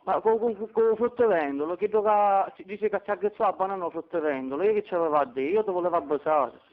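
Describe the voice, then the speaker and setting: Over a tinny telephone line, a man with a Sicilian accent makes a prank call. His voice sits fairly high, and he talks in a crude, insistent way with stammering taunts. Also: fast. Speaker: prank caller.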